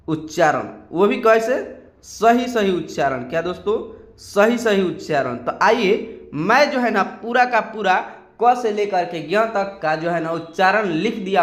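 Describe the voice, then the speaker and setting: A man's voice: sits high, a bit bright, reverberant. A man teaching a Hindi alphabet lesson, patiently drilling syllables and often checking in with his viewers. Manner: patient, drawn-out syllable drills, frequent "ठीक है ना". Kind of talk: screen-recorded lesson.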